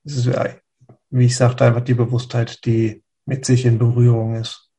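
A man acting as a spiritual teacher responds to a listener's question slowly and searchingly, pausing and restarting. His medium-pitched voice is mellow and husky, delivered completely flat.

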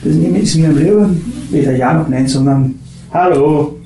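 A man giving a meandering spiritual talk, halting and searching for words, drifting from soft murmurs into animated bursts. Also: a little high, gravelly, a little hiss or hum. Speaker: spiritual teacher. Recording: echoey room with faint ambience.

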